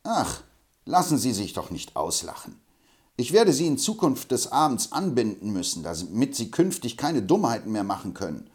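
A calm, stern frontier hero with a firm, commanding way of speaking, as an audiobook reader plays him. His voice has a lot of movement in it. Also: mid-range voice, normal speed, lightly acted. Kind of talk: audiobook reading.

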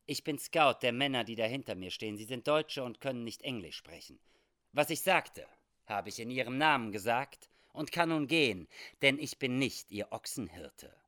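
A man playing a calm hired scout. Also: mid-range voice, close to an everyday voice. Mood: matter-of-fact. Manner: measured, matter-of-fact.

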